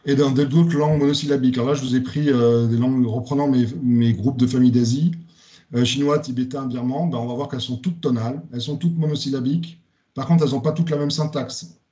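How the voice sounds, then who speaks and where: A man presents a lecture topic in a hesitant way, with frequent fillers and self-corrections. His voice is mellow and dark. The recording sounds dull and lo-fi. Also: mid-range voice, fairly even intonation, fast. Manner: hesitant, many "euh" fillers and restarts. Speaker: student giving a presentation.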